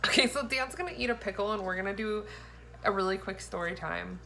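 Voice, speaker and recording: Holding her phone at arm's length in her kitchen at home, a thirties-aged vlogger host chats playfully to the camera, giggling as she tells stories. Her medium-pitched voice is creaky, pushed, and bright, and she talks fairly quickly. Faint background noise is audible.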